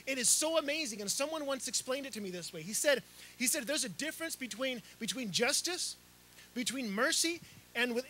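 A middle-aged man who grew up in Chile, a pastor preaching a sermon into a handheld microphone outdoors under a canopy, animated, with frequent repeats and restarts. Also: extremely high pitch.

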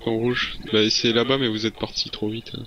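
A man's voice: mid-range voice, flat delivery, fairly quick, pushed and bright, muffled recording, slight background noise. A man chatting casually and informally with friends as they work through a game puzzle, with the odd swear word. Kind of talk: casual gaming chat while solving a puzzle.

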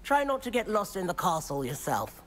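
A man's voice: high-pitched, very animated, moderate pace. A man voicing a cheerful, welcoming teenage wizard student in a video game, with a British accent. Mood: chatty, friendly. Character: friendly, enthusiastic teenage male wizard student.

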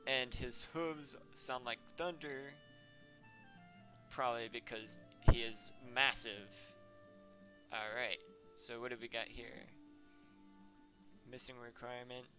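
A man hosting a casual let's-play gaming video, excitable and full of exclamations. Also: mid-range voice, slow pace, pauses often. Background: faint game music.

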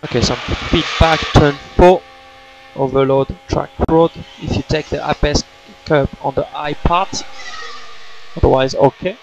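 A slightly high male voice with vocal fry comes over noisy motorsport team radio, steady in tone and measured in pace. This race engineer's instructions are clipped, terse and repeated.

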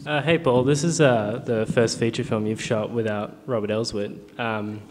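A man in a theater audience asking a long, deliberate question with some hesitations. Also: mid-range voice, fairly even intonation. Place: large theater. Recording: long theater reverb, faint noise.

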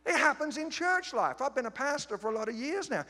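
A man's voice: very high-pitched, expressive, fairly quick, pushed and bright. A middle-aged British man preaching a sermon as a guest pastor, telling funny stories with playful, joking asides. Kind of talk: humorous sermon storytelling. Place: large church sanctuary. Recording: reverberant church hall, faint ambience.

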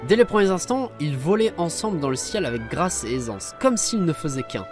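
A man's voice: a little high, sing-song, brisk, music in the background. A man reading as a wise old headmaster. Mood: solemn. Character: wise elderly male headmaster, calm and kindly. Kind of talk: reading game dialogue aloud.

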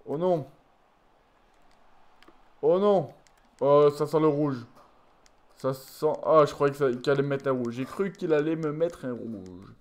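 A tired man commentating his own football video game match, swinging from low muttering to shouted goal calls. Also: measured pace, pauses often. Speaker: gaming YouTuber. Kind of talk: live gameplay commentary.

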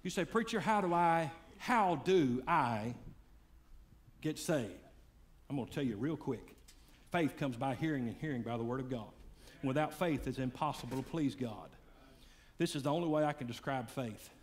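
A man preaching a sermon, swinging between loud fiery calls and hushed, quiet lines. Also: mid-range voice, a little fast. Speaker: pastor.

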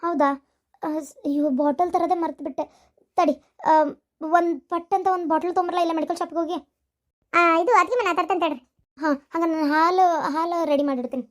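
A woman's voice: very high voice, steady tone, fairly quick. A woman voicing an anxious young daughter-in-law in a cartoon, with a North Karnataka accent and a worried, pleading manner. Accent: North Karnataka Kannada.

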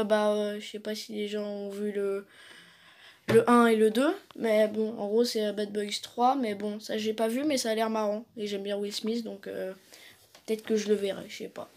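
Hesitant high-voiced woman rambling through films. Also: a little mellow. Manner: hesitant, rambling, many fillers. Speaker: vlogger. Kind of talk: casual film recap.

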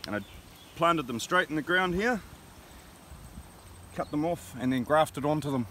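A man, telling stories in a casual, unhurried way with many fillers, first outdoors in an orchard and then riding in a van. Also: a little high. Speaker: guest, fisherman and orchard grower. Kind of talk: casual chat. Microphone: handheld camera held by the host. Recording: steady background noise from outdoors and car. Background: outdoor ambience and road noise.

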